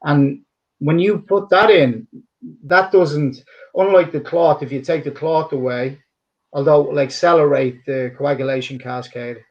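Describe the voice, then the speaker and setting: On dull-sounding audio, a middle-aged boxing and MMA cutman answers interview questions a little slowly, his pitch on the high side. His accent is a somewhat polished Dublin Irish one. His replies are earnest and emphatic but rambling, with frequent restarts.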